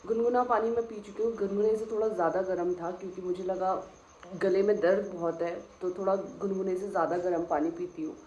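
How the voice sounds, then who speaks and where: A woman with a hoarse, strained voice from a sore throat, chatting casually as she narrates her day in a vlog. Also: mid-range voice, fairly even intonation, a little fast, mellow, dull audio, a little hiss or hum. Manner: chatty, talks to her dogs between remarks. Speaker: vlogger.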